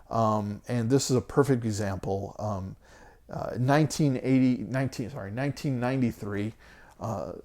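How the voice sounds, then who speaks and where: A vinyl-collecting vlogger in his forties, with a medium-pitched, darkish voice, talks casually to camera about his records. He's hesitant, with many ums and restarts, and seems to be losing his voice.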